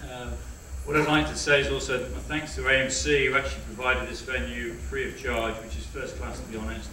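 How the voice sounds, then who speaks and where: A man's voice: medium pitch, little pitch movement, fairly quick. A middle-aged man closing an event with formal, grateful remarks. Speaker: event organiser thanking the audience. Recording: distant echoey hall with crowd and hum.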